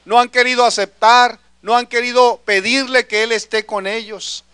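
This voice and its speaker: A man with a very high, bright voice preaches a sermon. His tone is clear and resonant, and the recording is dry and close. He speaks earnestly and calls his listeners brother. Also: fairly even intonation, normal speed, dry recording.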